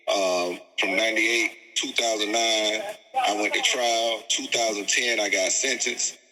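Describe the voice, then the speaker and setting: A man, an interview guest who speaks in a measured, halting way and searches for words. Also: lowish voice, pushed and bright, in a large hall, low-quality recording. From Miami, Florida. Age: 40s. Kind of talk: conversational interview.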